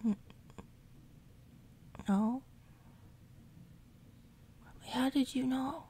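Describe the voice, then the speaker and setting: Steady background machine noise runs under this poor-quality recording of a female ASMR roleplay performer. Still healing from jaw surgery, she murmurs in a soft, breathy half-whisper, wandering off topic and quickly repeating words.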